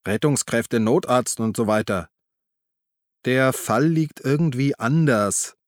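A man's voice: medium pitch, slow, dry recording, studio quality, close to an everyday voice. A man voicing a sheepish, evasive police officer in an audiobook reading. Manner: embarrassed, evasive.

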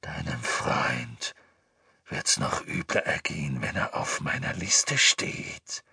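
Raspy werewolf, super deep, crawling slow, gravelly and menacing, audiobook. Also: male voice, wildly swooping pitch, pushed and bright, dry recording, clean studio sound, full character voice. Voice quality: gravelly, rasping, half-whispered. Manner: slow, menacing, relishing cruelty. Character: savage male werewolf, gloating, predatory. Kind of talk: audiobook character voice.

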